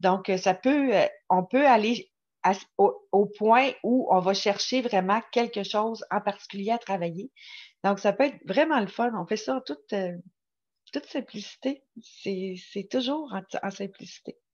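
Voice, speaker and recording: Excited rambling woman with a Quebec accent. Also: mid-range voice, moderate pace, lo-fi sound. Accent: Quebec French. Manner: excited, rambling, many restarts and fillers. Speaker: spiritual vlogger. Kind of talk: casual spiritual talk to viewers.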